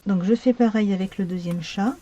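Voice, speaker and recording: Talking through her card-making steps, this craft tutorial host keeps up a chatty, think-aloud narration packed with fillers. Her medium-pitched voice is mellow and moves at a normal speed, though the audio sounds dull.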